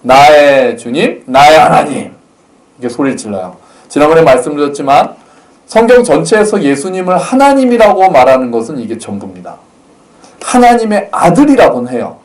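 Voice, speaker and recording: Lively, higher-voiced male pastor. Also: brisk. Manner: storytelling, acts out quotes, lightly humorous. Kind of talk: conversational sermon.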